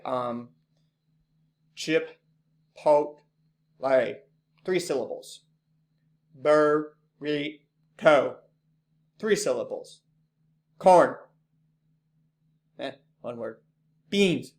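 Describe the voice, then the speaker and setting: A man teaching an online class, talking casually with many ums and quick apologies for slips. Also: mid-range voice.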